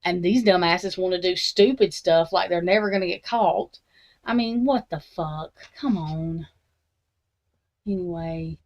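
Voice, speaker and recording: A fairly low-voiced woman speaks at a measured pace while hosting a true crime stream. She rants in a blunt, profane, rambling way, restarting often and using slangy grammar with a Southern tinge. The recording is slightly dull and lo-fi.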